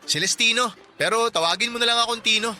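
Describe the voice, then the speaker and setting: In a Tagalog radio drama, an actor in his twenties plays a friendly, working-class neighbor who chats, jokes, and offers help. His exaggerated voice is extremely high and sharp, and he talks fast.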